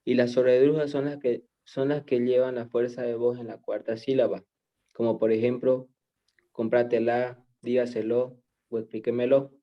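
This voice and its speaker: A man's voice: mid-range voice, flat delivery, normal speed. A man student giving a class presentation, listing word examples in a reading tone. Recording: muffled lo-fi audio.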